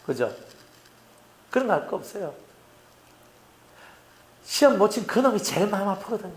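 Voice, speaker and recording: A man's voice: high voice, very animated, normal speed. A male pastor preaching a sermon, often acting out quoted voices and talking with his congregation. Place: church.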